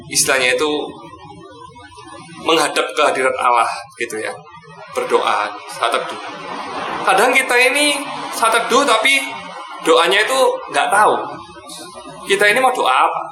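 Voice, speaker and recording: A man giving a relaxed Bible lesson, often tagging his sentences with a short filler. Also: a little high. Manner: relaxed, repeats "gitu ya" often. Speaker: Bible teacher. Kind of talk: casual Bible teaching. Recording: echoey room with music behind.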